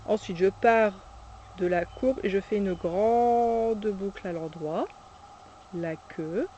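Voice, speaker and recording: A preschool teacher slowly demonstrating cursive letter by letter, patiently naming each stroke aloud. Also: medium pitch, darkish tone, highs cut off, a little hiss or hum. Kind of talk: step-by-step handwriting demonstration.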